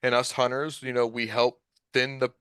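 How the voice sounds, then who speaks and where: A man's voice: mid-range voice, level tone, normal speed, pushed and bright, clean tone, no room sound. A man in his twenties, a guest on a podcast, telling a hunting story in a casual, rambling way with lots of fillers. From Ohio. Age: 20s. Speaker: podcast guest, deer recovery drone operator.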